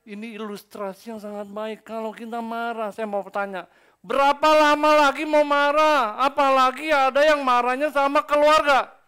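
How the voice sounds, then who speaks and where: A man preaching a sermon in a church service, acting out quoted people and swinging between low asides and loud exclamations. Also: fairly even intonation, normal speed, smooth. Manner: playful, acts out quoted people. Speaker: pastor.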